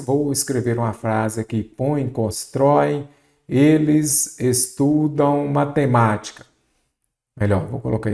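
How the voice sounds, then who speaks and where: A man's voice: mid-range voice, dark tone. A man teaching Portuguese grammar for an exam, often posing a question and answering it himself and stretching out key words. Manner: drawn-out stress on key words. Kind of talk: exam-prep grammar lesson.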